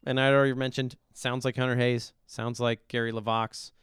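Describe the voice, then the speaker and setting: A man's voice: mid-range voice, level tone, fairly quick, fairly bright tone, smooth, no room sound, clean studio sound. A middle-aged man co-hosting a podcast, giving blunt, opinionated song reviews in casual chat. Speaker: podcast co-host reviewing songs.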